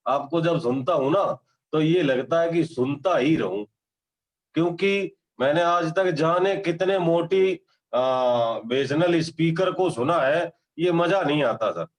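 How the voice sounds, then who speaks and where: A man's voice: on the high side, rough recording. A man from Noida, a participant on a video call, rambling in lavish praise and calling the host sir again and again. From Noida, India. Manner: effusive, rambling, keeps addressing "sir". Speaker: participant giving feedback.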